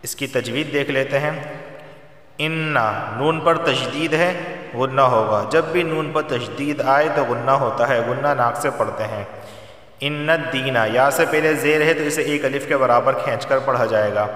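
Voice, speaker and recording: A man teaching the Quran, chanting verses slowly and melodically, then explaining the recitation rules in a plain, patient lecturing voice. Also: mid-range voice, a bit bright. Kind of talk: Quran recitation and tajweed lesson. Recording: roomy echo, long reverb, distant mic.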